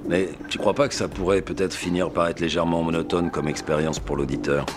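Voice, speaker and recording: An actor playing a skeptical man in a film clip, asking a dry, doubtful question in a low voice over guitar music. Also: fairly even intonation, fairly quick, natural voice. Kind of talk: film dialogue clip used as a radio jingle.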